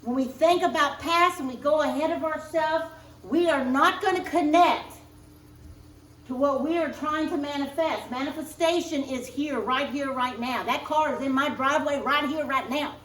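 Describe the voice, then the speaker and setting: A woman minister preaching a sermon, speaking in slow, emphatic spiritual affirmations, recorded in a church sanctuary. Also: high voice, fairly bright tone, a little hiss or hum. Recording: roomy distant church recording.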